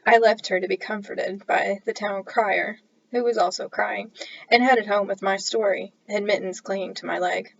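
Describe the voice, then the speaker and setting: A woman, an author, reading her own mystery story aloud in a playful, animated way. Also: mid-range voice, normal speed, gravelly, no room sound. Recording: dull lo-fi recording.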